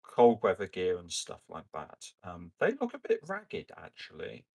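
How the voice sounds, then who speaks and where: Slow-paced male game master. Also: low voice, wildly swooping pitch, vocal fry, darkish tone. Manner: halting, improvised, thinking aloud. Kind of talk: narrating a tabletop game.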